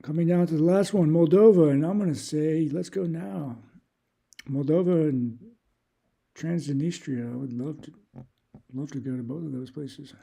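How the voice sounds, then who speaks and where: A man's voice: on the high side, moderate pace, vocal fry, husky. A man streaming casual commentary, reading off a long list and thinking aloud with hesitant restarts. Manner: reads off long lists in a steady run. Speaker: YouTube creator.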